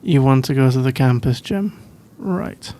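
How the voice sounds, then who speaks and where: In an intimate ASMR roleplay, a British man with a medium-pitched, everyday-sounding voice plays a sleepy, shy, easygoing young college boyfriend. He sounds flustered and amused, speaking in a hesitant, halting way and rambling between soft laughs.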